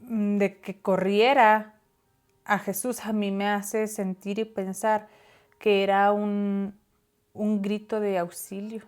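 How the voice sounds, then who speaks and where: A woman's voice: mid-range voice, level tone, slow, a little mellow, soft background music. A woman co-hosting a casual Bible discussion, reading verses aloud and explaining them. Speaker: Bible study co-host.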